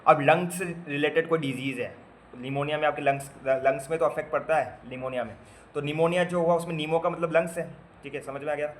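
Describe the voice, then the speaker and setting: In a casual classroom lecture, a man teaches nursing students basic medical terms, spelling out word parts, repeating them, and quizzing the class with playful asides. His voice sits on the high side and stays steady as he talks fast. The recording has a little hiss or hum.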